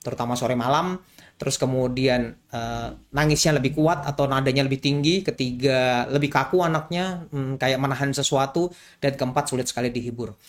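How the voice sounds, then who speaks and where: Male doctor, casual spoken explainer, chatty, animated, repeats his words. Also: medium pitch. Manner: chatty and animated, repeats key words, mimics baby cries. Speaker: doctor explaining infant health.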